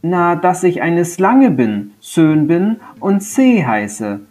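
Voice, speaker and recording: A vain, sing-song female snake voiced by a man who can't manage the Sch sound, hissing softly through her lisp. She speaks slowly and high, sitting well above the performer's own pitch. A faint guitar plays underneath. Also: big pitch swings. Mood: proud. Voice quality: lisping, soft hissing speech.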